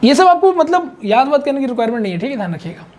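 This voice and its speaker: A man's voice: extremely high pitch, sing-song, racing, darkish tone. A man teaching a chemistry lesson in a conversational, repetitive way, often checking in with his students. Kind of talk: explanatory online chemistry lesson.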